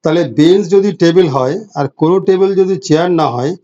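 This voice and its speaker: A man teaching an online exam-prep class with a Bengali accent, explaining step by step and reading questions slowly in English. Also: a little high, warm tone. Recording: dull lo-fi audio.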